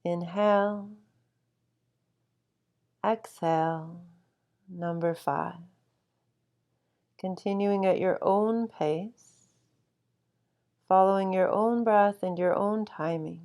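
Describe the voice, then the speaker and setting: A woman guiding a sleep meditation with calm, soothing instruction and long, unhurried pauses. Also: mid-range voice. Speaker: meditation guide.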